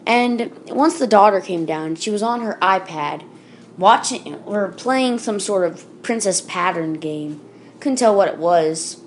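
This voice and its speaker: A woman's voice: mid-range voice, expressive, unhurried, a little hiss or hum. A woman telling a creepypasta in a casual, unscripted way, with fillers and self-corrections along the way. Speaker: storyteller. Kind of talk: casual spoken creepypasta reading.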